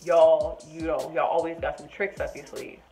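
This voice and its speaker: A woman's voice: low voice, little pitch movement, normal speed, dark tone, soft background music, pitched below the performer's own voice, close to an everyday voice. A woman doing a smug, condescending man. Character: condescending young man on a date.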